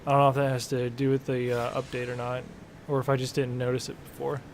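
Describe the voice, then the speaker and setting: A man's voice: medium pitch, monotone, fast, slight background noise. Rambling man narrating his gameplay. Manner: rambling, with many fillers and self-corrections; reads game dialogue aloud. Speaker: gaming channel host. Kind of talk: casual let's-play commentary.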